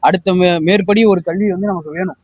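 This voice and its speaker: A man's voice: high-pitched, fairly even intonation, fairly quick, a little mellow, breathy edge, no room sound, clean studio sound. A man, an interviewee giving heated opinions with stumbling restarts.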